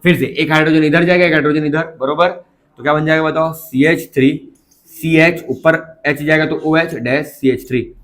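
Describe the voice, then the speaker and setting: Coaxing Hindi-speaking chemistry teacher, fairly high voice. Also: male voice, steady tone, normal speed, fairly bright tone. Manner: coaxing, keeps asking students if they understood. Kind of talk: classroom lecture.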